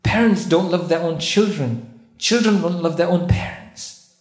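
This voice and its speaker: A visiting speaker at a mosque conference lectures unhurriedly in a sermon style, his voice a little high, as he questions listeners and recites Arabic verses. Faint music plays behind him in the echoey, carpeted indoor prayer hall.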